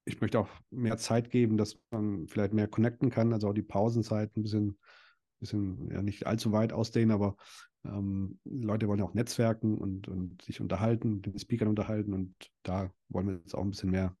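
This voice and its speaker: A man's voice: lowish voice, level tone, brisk, warm tone. A young adult man, a podcast guest, talking casually with many fillers and restarts. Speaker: podcast guest, dental practice owner and event organizer. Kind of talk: casual interview chat.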